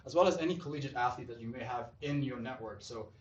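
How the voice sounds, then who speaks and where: A man from Zimbabwe, a startup founder, pitching his company and then answering audience questions with eager, salesy energy. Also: fast talker, muffled recording. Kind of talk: pitch presentation and Q&A. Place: event hall. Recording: roomy hall, distant mic, faint noise.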